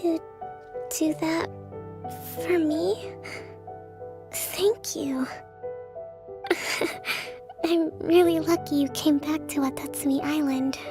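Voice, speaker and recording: A woman voicing a gentle, weary young priestess in an anime game, soft and self-effacing, breathy as phrases trail off. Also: high voice, fairly even intonation, slow pace, long pauses, music in the background. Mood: grateful. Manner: earnest, self-effacing, polite, sighing.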